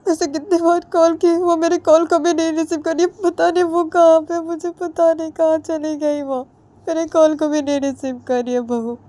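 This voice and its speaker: A woman's voice: very high voice, little pitch movement, moderate pace, mellow, no echo, pitched above the performer's own voice. A woman voicing a middle-aged mother who is crying and pleading with her daughter-in-law over the phone, repeating herself. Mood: tearful pleading.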